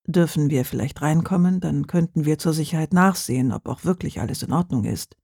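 An audiobook reader voicing a calm, patient male police commissioner who speaks politely and measuredly. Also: medium pitch, fairly quick, vocal fry, breathy edge, no room sound, clean studio sound.

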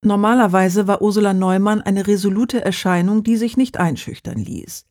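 An audiobook reader narrating a crime novel in a calm, steady way. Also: medium pitch, normal speed, no echo, studio quality.

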